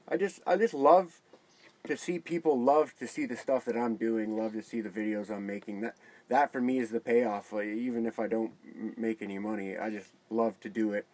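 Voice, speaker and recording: A man speaking as an interview guest in a casual chat, halting and repeating words as he goes. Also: medium pitch, a little mellow, low-quality recording.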